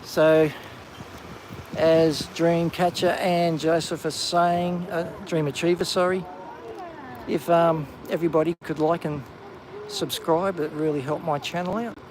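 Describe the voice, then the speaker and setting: Man, live walking vlog, casual and chatty, frequent ums, fairly high voice, outdoors on a clifftop. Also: unhurried, background noise. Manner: casual, chatty, lots of ums, excited calling out whales. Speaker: live-stream host. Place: outdoors on a coastal clifftop walk.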